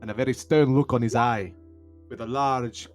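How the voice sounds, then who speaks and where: A man's voice: on the low side, steady tone, moderate pace, a bit bright, faint music behind, lightly acted. A man voicing a large, stern male elephant-man warrior in broken English with a put-on accent. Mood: gruff boastful.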